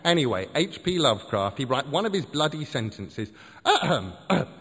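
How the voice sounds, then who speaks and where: A man puts on a blustering cult acolyte who rants over his pint. His voice climbs high and lively as he gets worked up. The reading carries a long room echo over a faint hum. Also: normal speed. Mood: ranting. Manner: blustering, indignant and matter-of-fact. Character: loud ranting middle-aged male pub acolyte.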